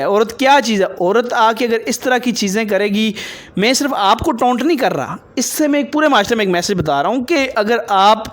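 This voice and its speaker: A man interviewing a dancer for his video, probing her and lecturing her on religion and morals. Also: high voice.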